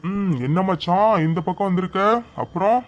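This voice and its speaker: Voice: mid-range voice, steady tone, normal speed, lo-fi sound, noisy background, lightly acted. A performer voicing a cartoon young male loafer who teases a girl in a sly, sniggering drawl.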